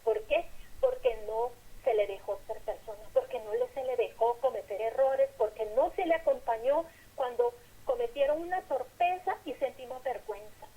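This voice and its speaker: A woman's voice: fairly high pitch, moderate pace, dark tone, husky, low-quality recording. Earnest woman preaching a lecture. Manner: earnest, acts out quoted lines in short phrases. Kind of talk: sermon-style lecture.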